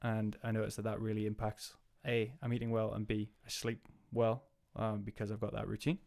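A man's voice: on the low side, monotone, fairly quick, vocal fry, darkish tone. A man who works as a coach, talking in a casual chat in a rambling way, with many restarts. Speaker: guest, coach.

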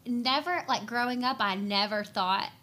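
An earnest young woman shares her personal story as a podcast guest, speaking from the heart. She talks with an emotional, unpolished flow, often stopping to gather herself with a soft "um". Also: on the high side. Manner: earnest and emotional, with frequent "um" pauses. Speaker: podcast guest, worship leader and pastor's wife.

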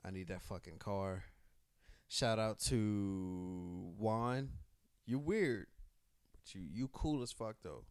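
This man hosts a podcast in a slow, easygoing, profane drawl. His voice is slightly low and smooth. He is recorded close on a dry, clean mic. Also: dry recording. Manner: profane, laid-back, drawn-out shout-outs. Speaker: podcast host. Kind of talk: casual podcast chat.

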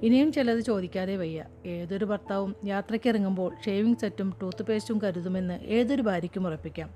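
A woman narrating a humorous short story in a steady, wry storytelling manner. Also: mid-range voice, a little fast. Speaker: story reader. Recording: music playing behind.

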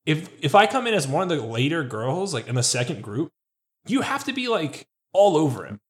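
A man in casual conversation with a lively, swooping voice that rises a little above the usual range. He talks in an animated way, often slipping into the voices of the people he describes. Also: fairly high pitch, fairly quick. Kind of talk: casual chat.

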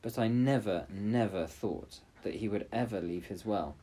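A man voicing a spoiled, squeamish young princess in a storybook reading, high and pleading. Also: moderate pace, warm tone, lightly acted. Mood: fretful.

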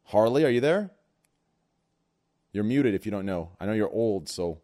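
A man's voice: lowish voice, lively intonation, normal speed, mellow. A man of thirty hosting a casual voice-call chat, teasing his friends and swearing casually. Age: 30s. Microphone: online voice call.

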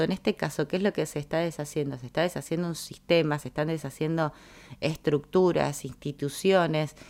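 A woman with a Rioplatense Spanish accent giving a reflective, casual talk on personal growth, thinking aloud and acting out quoted lines. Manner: acts out quoted dialogue with raised pitch; musing, thinking aloud with fillers.

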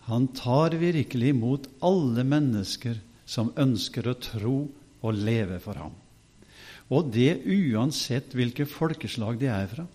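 A man reads an earnest apostle speaking to a gathered household. The delivery is steady and sincere, like testimony in a Bible storybook. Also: medium pitch, close to an everyday voice. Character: apostle Peter, earnest adult man preaching. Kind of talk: reading a scripture speech.

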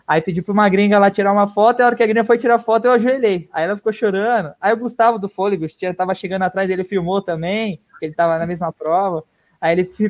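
High-voiced man telling a story. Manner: animated storyteller, swears casually, trails off softly. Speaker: guest runner. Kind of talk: casual storytelling interview.

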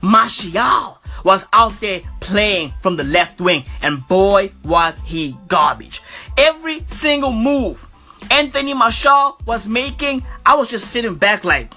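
A man hosting a sports podcast in an animated, taunting fan rant, full of slang and repeated phrases for emphasis. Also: high voice, takes it slowly, faint music behind. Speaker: podcast host.

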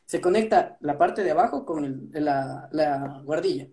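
A man with an Ecuadorian accent, telling stories in an animated casual chat, restarting his sentences often. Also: a little high, a little slow. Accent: Ecuadorian Spanish. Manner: animated storytelling, many restarts.

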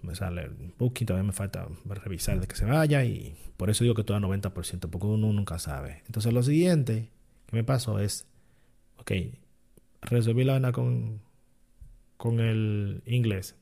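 A man's voice: on the low side, lively intonation, moderate pace, creaky, mellow. A man, an online seller talking to his channel in a casual, rambling way that often stops to correct himself. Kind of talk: casual vlog monologue.

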